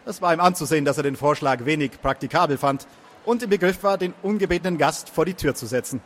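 A man reading a fantasy story aloud in a steady storytelling manner. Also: on the high side, fast. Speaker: reader.

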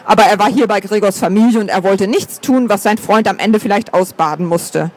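A man narrating a novel in an even audiobook delivery. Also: high voice, brisk. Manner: even, storytelling. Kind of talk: scripted narration.

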